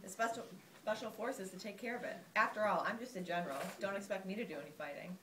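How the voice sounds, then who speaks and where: A young woman student playing a lazy army general who avoids fighting, talking in a quick offhand way. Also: medium pitch, natural voice. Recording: roomy classroom, distant mic, faint noise.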